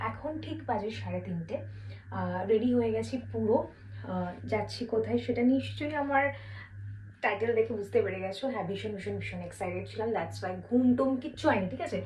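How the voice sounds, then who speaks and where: A woman's voice: fairly high pitch, lively intonation, moderate pace, rough recording. A young woman with a Kolkata Bengali accent, chatting casually in a travel vlog and dropping English words into her talk. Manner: talking softly at first, louder on the train. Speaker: vlogger. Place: home, then inside a train carriage. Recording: loud vehicle and room noise behind.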